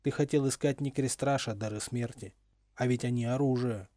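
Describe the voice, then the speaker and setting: A man's voice: mid-range voice, steady tone, moderate pace, mellow, dry recording, natural voice. A man voicing an agitated, insistent young man who is jealous and anxious, read for an audiobook. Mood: tense.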